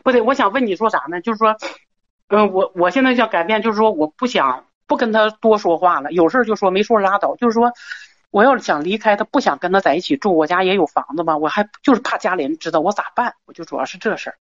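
A woman's voice: mid-range voice, expressive, fast, no room sound, lo-fi sound. A middle-aged woman, calling in to an advice show and rambling nervously with many restarts. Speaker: caller. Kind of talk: call-in advice talk.

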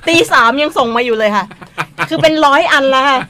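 A female radio co-host reads out listener messages and laughs along with them. Her voice is a little higher than usual. She keeps the tone relaxed and chatty. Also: fast talker, slight background noise. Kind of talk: casual radio banter.

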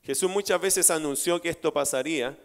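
A man's voice: on the high side, a little fast, vocal fry. A male pastor preaching a sermon in a church, asking his congregation rhetorical questions and calling them brothers. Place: church sanctuary. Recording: reverberant church hall.

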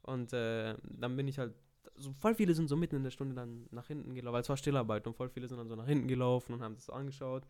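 A man's voice: medium pitch, quick pace, clean tone. A man in his twenties, chatting casually and telling stories with slang. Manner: chatty storyteller, slangy, animated quoting. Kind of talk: casual chat.

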